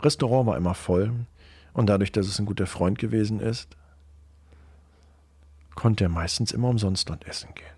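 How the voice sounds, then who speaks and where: A man telling horror stories on a livestream in calm, hushed narration. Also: on the low side, normal speed, pauses often, husky, no room sound. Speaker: horror storyteller.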